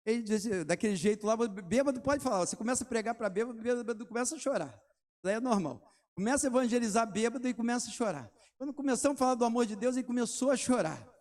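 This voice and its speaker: A man's voice: extremely high pitch, lively intonation, fast, a little mellow. A middle-aged man, preaching a sermon and asking the congregation rhetorical questions between testimony stories. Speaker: pastor.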